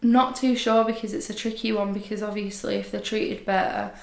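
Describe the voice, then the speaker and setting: A nineteen-year-old woman answering interview questions hesitantly, with pauses and fillers. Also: medium pitch, fairly even intonation, vocal fry, reverberant, soft background music. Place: indoor room, seated in armchair.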